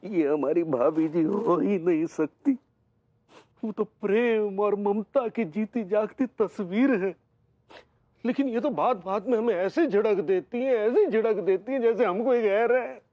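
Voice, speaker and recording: A man's voice: sits high, measured pace, dry recording, lo-fi sound. An actor playing a fawning middle-aged man smitten with his neighbor's wife, talking in flowery, theatrical phrases and stammering when flustered. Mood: adoring. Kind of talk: sitcom acting.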